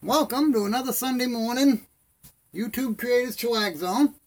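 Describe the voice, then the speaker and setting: A man's voice: very high-pitched, moderate pace. A man with toothless, slightly slurred speech, lips over gums, hosting a casual live stream in a rambling, friendly way. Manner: rambling, friendly, addresses viewers as buddy.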